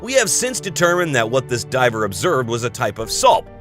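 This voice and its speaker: A man's voice: medium pitch, very animated, brisk. A man reading scripted narration in the manner of a nature documentary. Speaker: narrator of a video compilation. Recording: music behind the voice. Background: music.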